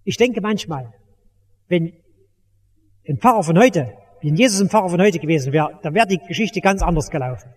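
Urgent high-voiced male preacher in a reverberant church. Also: expressive, normal speed, pauses often, darkish tone, breathy edge. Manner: urgent, emphatic, addresses the listener directly. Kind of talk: evangelistic sermon.

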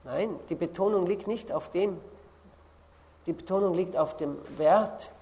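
A woman preaching a sermon, slowly stressing key words and pausing to look up Bible verses. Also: lowish voice, warm tone.

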